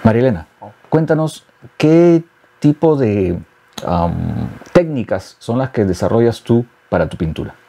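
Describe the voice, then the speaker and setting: A man's voice: medium pitch, lively intonation, measured pace, creaky, warm tone. A middle-aged man hosting an interview, asking questions and giving brief listening backchannels. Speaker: host and interviewer. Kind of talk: interview conversation. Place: studio set with bookshelves.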